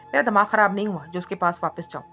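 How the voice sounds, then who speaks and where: A woman's voice: medium pitch, rapid-fire, bright, forceful tone, faint music behind. A woman voicing a feisty young woman who scolds and protests indignantly in a read-aloud story. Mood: complaining. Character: feisty young woman, sharp-tongued captive.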